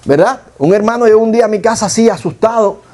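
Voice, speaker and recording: A man's voice: sits high, fast, a little mellow. A middle-aged man with a Cuban accent preaching a sermon, telling stories and asking rhetorical questions. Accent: Cuban Spanish.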